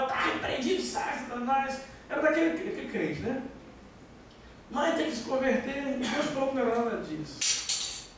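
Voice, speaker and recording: A man with a Brazilian Portuguese accent, a pastor giving an emotional testimony sermon and acting out the dialogue as he tells it. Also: high voice. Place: church hall. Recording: very echoey hall, far from mic, faint hiss.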